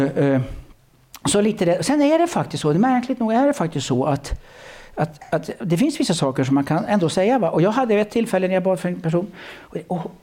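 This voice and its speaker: A man preaching a sermon, telling stories with many restarts and repeated words. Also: sits high. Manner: animated storytelling with many restarts. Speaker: pastor.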